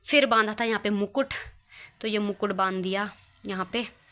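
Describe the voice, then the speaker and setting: A woman's voice: medium pitch, normal speed, a bit bright. A young woman chatting casually as she shows her wedding photos, laughing often and near tears at times. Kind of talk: casual chat.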